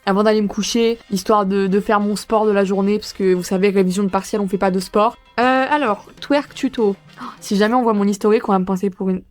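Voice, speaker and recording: A woman's voice: medium pitch, steady tone, fast talker, faint music behind. A young woman student chatting casually in a vlog, self-mocking and swearing often, recorded in her bedroom. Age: young adult. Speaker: student vlogger. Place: bedroom at home.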